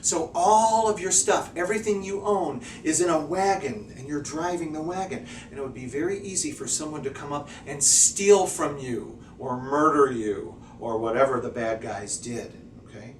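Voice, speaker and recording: A male English teacher giving a lively video lesson, constantly checking in with his students by asking "okay?" and "right?". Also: on the high side, moderate pace, hardly any pauses, slight background noise. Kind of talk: classroom-style video lesson. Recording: echoey room, voice a bit far off.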